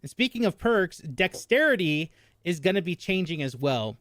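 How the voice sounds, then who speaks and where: A man's voice: high-pitched, very animated, moderate pace, a bit bright. A man hosting a gaming news video, speaking with a slightly slurred mouth numb from the dentist. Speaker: gaming YouTube host. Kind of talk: scripted-sounding gaming news narration.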